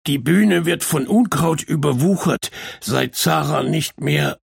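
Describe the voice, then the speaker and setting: A tearful, tender-hearted male animal from a children's story, as a man puts him on. The voice is raised and hesitant, with a husky, gravelly texture and a lively swing of pitch. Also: a little slow, no echo, studio quality, heavily acted. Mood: sad.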